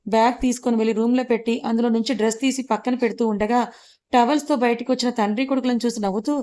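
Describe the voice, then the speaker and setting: Woman audiobook narrator, quick, mellow, expressive. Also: on the high side. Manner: brisk, expressive storytelling. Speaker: storyteller.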